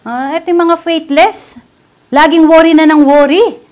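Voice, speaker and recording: A woman with a Filipino accent preaching a sermon in mixed Tagalog and English, animated, asking the audience questions and laughing often. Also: sits high, normal speed. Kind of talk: Taglish sermon. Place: church.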